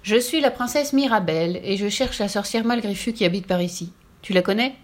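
A woman's voice: medium pitch, fairly quick, natural voice. A woman voicing a bossy, fierce little princess girl in a storybook reading, scolding and indignant.

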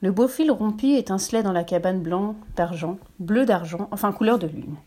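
A woman's voice: mid-range voice, normal speed, warm tone. Woman reading a children's story.

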